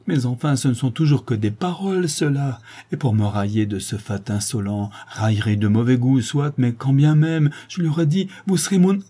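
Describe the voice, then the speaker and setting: A man's voice: mid-range voice, expressive, moderate pace, mellow, breathy edge. A man reading an audiobook, voicing a proud, desperate noblewoman who pleads with her son in an impassioned, declamatory way. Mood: pleading.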